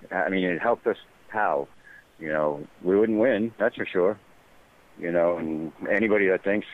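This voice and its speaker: A man calling in as an interview guest, speaking in a halting, defensive way with many fillers. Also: low voice. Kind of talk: live call-in interview. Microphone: phone call. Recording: tinny phone line.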